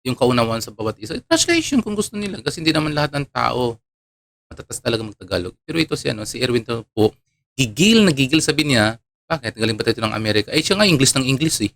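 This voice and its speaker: A man's voice: medium pitch, sing-song, fast talker, creaky, a bit bright. A man from Palawan giving casual spoken commentary to his viewers, chatty and often chuckling, with many fillers. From Palawan, Philippines. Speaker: online commentator.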